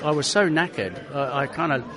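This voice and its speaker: Amid crowd noise, a man whose voice is a little high speaks at a moderate pace; he's a racing driver in an interview. His storytelling is lively, full of acted-out quotes and frequent restarts.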